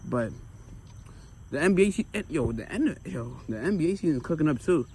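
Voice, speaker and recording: An American man chatting casually about sports while walking, emphatic and animated, often repeating phrases for emphasis. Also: fairly high pitch, a little fast. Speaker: sports vlogger. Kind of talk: casual rambling sports chat. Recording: clear street noise with passing vehicles.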